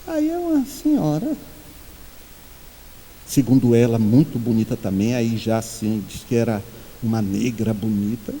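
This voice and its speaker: A man giving a spiritual talk to a congregation, telling humorous anecdotes and acting out the quoted voices in a high pitch. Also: very animated, unhurried, long pauses, warm tone, big-room sound, a little hiss or hum. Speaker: spiritual speaker. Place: meeting hall.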